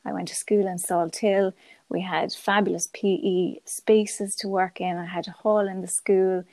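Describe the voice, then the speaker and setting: A woman speaks with a west of Ireland accent in a chatty, enthusiastic way, as a guest answering interview questions. Her pitch sits in the middle range for a woman. The sound is dry, with no room echo. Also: little pitch movement, unhurried, a little mellow. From Galway, west of Ireland. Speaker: podcast guest, primary school teacher.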